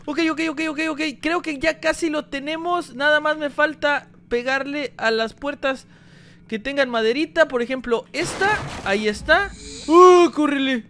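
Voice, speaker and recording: A man giving energetic gameplay commentary, talking straight to his viewers. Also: extremely high pitch, moderate pace, a little hiss or hum. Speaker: gaming YouTuber.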